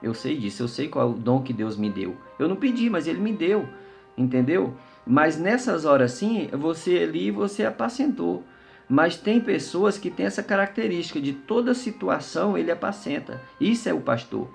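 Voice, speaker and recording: A man's voice: a little high, animated, normal speed, vocal fry, soft background music. A man giving an informal, conversational sermon as a lay preacher, telling a personal story with many fillers and tag questions.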